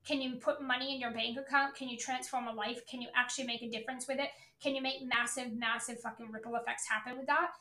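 Blunt, high-voiced woman coach in echoey room. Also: steady tone, quick pace, few pauses, pushed and bright. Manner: blunt, emphatic, repetitive, swearing. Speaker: business and sales coach. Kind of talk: motivational coaching talk to an online audience.

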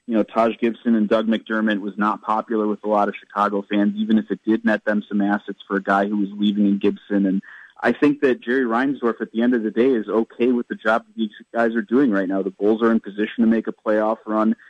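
Dull dry call-in audio, male sports analyst, flat intonation, radio commentary. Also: fairly low pitch, a little fast, no echo. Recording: dull, band-limited radio call-in sound.

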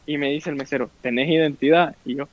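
A man's voice: on the high side, quick pace. A young man, telling a rowdy story among friends and swearing casually. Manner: crude slang-heavy, animated retelling. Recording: dull lo-fi sound.

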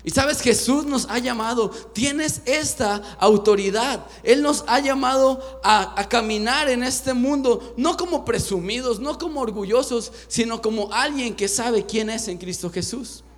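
A man's voice: very high-pitched, measured pace, hardly any pauses. A young Mexican man preaching a sermon with a Mexican Spanish accent, joking and poking fun at himself as he talks to his congregation. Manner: joking, self-deprecating and lively. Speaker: pastor. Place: church sanctuary. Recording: echoey church hall.

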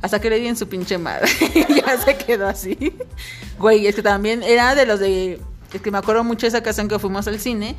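A woman's voice: medium pitch, a little fast, soft background music. Frank Mexican woman co-hosting a podcast. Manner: frank, swears freely, animated storyteller. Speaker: podcast co-host. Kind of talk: casual chat.

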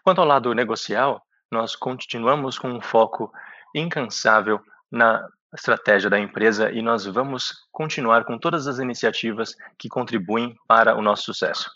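A Brazilian man interpreting a business presentation live, with halting phrasing. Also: medium pitch, pushed and bright. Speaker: simultaneous interpreter for an executive. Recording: dull, echoey conference call audio.

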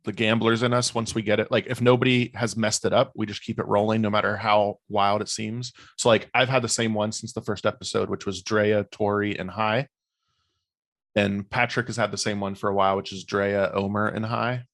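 A man hosting a podcast in casual chat, leading segments in a brisk, organized way. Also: fairly low pitch, level tone, fairly bright tone, dry recording. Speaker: podcast host running predictions.

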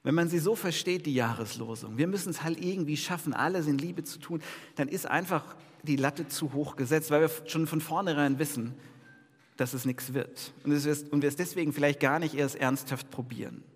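A male pastor giving a New Year sermon in a lively, conversational preaching style, asking the congregation questions. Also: a little high, brisk, slightly rough, in a large hall.

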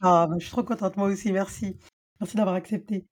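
A woman hosting a podcast in a casual interview chat, lively and quick to laugh when telling stories. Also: medium pitch. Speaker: podcast host.

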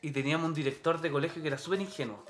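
A man's voice: on the high side, steady tone, rapid-fire, fairly bright tone, reverberant, soft background music. A man with a Chilean accent, a comedian guest telling stories in casual, slangy, profane chat and acting out the people he quotes.

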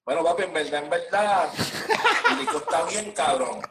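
A man's voice: a little high, expressive, moderate pace, reverberant, recorded from a distance, noisy background, natural voice. A man putting on a fake Puerto Rican accent, playing a boastful artist in an interview, swaggering and slangy. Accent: put-on Puerto Rican. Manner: swaggering, slangy, laid-back.

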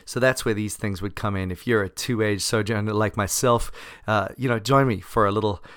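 A man with a low, gravelly voice, a little hoarse from laryngitis, talks casually as a solo podcast host. He is self-deprecating and wry, and the sound is close and dry. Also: fairly even intonation, normal speed, a bit bright, no room sound.

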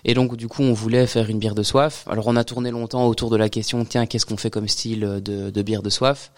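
A man's voice: on the low side, little pitch movement, brisk, darkish tone. A man, a brewery guest on a podcast, explaining at length in casual talk, with many fillers and phrases ending in "quoi". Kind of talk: casual interview chat.

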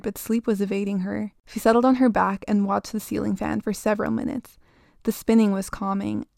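A woman host narrating a scripted spooky story in an even, measured reading. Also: medium pitch, creaky, no room sound, studio quality.

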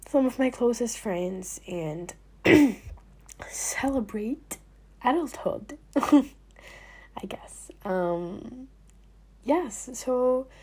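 A young woman in her late teens chatting casually to her viewers, a little hoarse after being ill, with many fillers and soft near-whispered trailing words. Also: on the high side. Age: young adult. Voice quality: husky, slightly hoarse. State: recovering from illness, clearing throat. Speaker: vlogger. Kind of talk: casual talk to camera.

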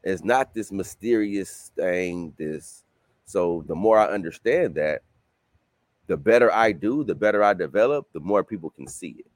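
A man in his late thirties, a guest author talking casually in an interview, loose and repetitive, jumping into excited bursts. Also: low-pitched, normal speed, no echo. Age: 30s. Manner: loose, repetitive, rising to excited bursts when quoting himself.

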